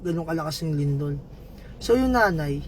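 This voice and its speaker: A man livestreaming, chatting with viewers, giving shoutouts and telling a joke story in a casual, playful way. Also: a little high, expressive, normal speed, a little hiss or hum. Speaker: livestream vlogger.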